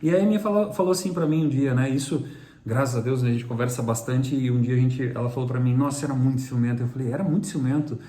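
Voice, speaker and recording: A man's voice: medium pitch, fast, mellow, echoey room. A middle-aged man from Brazil, co-hosting a mentoring live stream and reflectively telling personal anecdotes. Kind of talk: casual mentoring talk.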